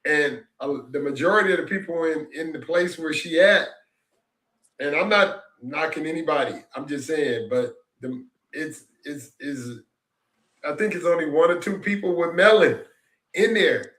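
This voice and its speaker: A slightly high, somewhat bright male voice at normal speed belongs to a man in his sixties hosting a casual, reflective chat. He rambles and repeats himself in an upbeat way, and the room sounds echoey.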